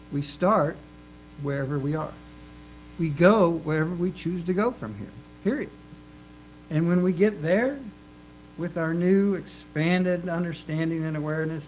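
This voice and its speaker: A man's voice: a little high, darkish tone, low-quality recording. A man preaching a sermon in an earnest, emphatic way, repeating phrases for rhythm. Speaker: minister. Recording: faint mains hum.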